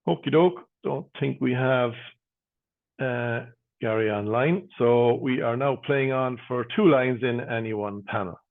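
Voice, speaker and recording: A man working as a bingo caller, announcing numbers digit by digit with traditional nicknames in a measured, formulaic way. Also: mid-range voice. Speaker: bingo caller, host of an online bingo game. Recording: narrow phone-like sound.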